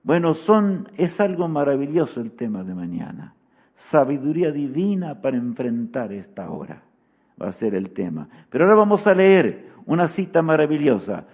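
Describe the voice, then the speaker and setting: A man's voice: on the high side, very animated, moderate pace, darkish tone, slightly rough. A man preaching a sermon in a solemn teaching tone, often asking his listeners "¿verdad?" as he goes.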